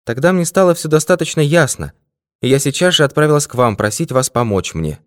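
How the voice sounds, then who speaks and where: A man's voice: fairly high pitch, animated, a little fast, no echo, clean studio sound, pitched above the performer's own voice, close to an everyday voice. A male audiobook reader voicing an anxious, earnest young woman in a raised voice. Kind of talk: audiobook character voice.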